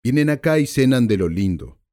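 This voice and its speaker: A man's voice: medium pitch, lively intonation, a little fast, mellow, voice pushed up, close to an everyday voice. A man voicing a rude, impatient male hitman who makes crude, brusque demands in an audiobook. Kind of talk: audiobook character voice.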